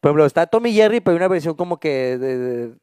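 A young man with a Mexican Spanish accent co-hosting a casual podcast, chatting in a relaxed, slangy way. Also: on the high side, quick pace, clean tone, no echo, studio quality. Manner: relaxed, slangy, laughs often. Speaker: podcast co-host.

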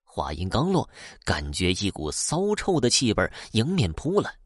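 A man narrating a folk tale in an expressive, lively storytelling manner. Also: fairly low pitch, moderate pace, husky, no echo, clean studio sound.

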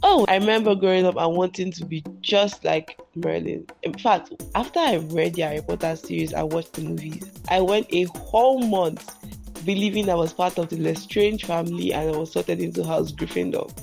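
A woman with a voice hoarse from a cold, giving a chatty scripted introduction as a radio host. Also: lowish voice, normal speed, darkish tone. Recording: music bed behind the voice. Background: music.

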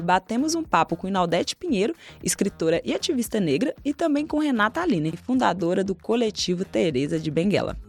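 A woman hosts a podcast, reading a script clearly and at a measured pace. Her voice sits at a middle pitch. Music plays clearly beneath her. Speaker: podcast host. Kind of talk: scripted narration. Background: background music.

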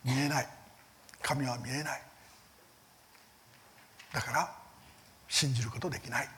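A man's voice: a little slow, slight background noise. A man giving a Bible seminar lecture, earnest and emphatic, with rhetorical questions and line ends that fade to a near whisper. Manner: lively rises in pitch on key words, soft fading line ends. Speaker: Bible teacher.

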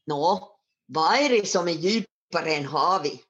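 A proud, short-tempered emperor barks out his questions, voiced by a woman telling the tale. The voice is lowish, and the recording is dull. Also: animated, fairly bright tone. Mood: demanding. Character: proud, angry male emperor.

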